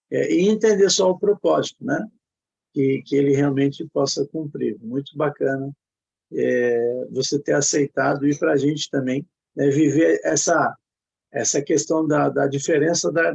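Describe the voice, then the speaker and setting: A man's voice: on the high side, vocal fry, a little mellow, slightly rough. A man with a Brazilian Portuguese accent hosting a casual online chat, hesitant and encouraging, full of filler words. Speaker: host. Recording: muffled lo-fi audio.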